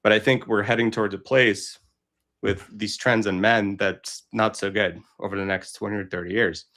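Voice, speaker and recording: A man's voice: lowish voice, fairly even intonation, moderate pace, a bit bright. A man from Brooklyn speaking as a guest in a casual conversation, in an earnest, reflective way. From Brooklyn, New York. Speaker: podcast guest.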